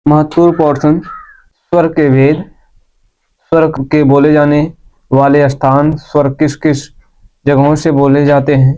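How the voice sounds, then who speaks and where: A man teaching a Hindi grammar class, explaining slowly and repeating key points for his students. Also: a little high, mellow, clean tone. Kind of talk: classroom lesson. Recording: dull lo-fi sound.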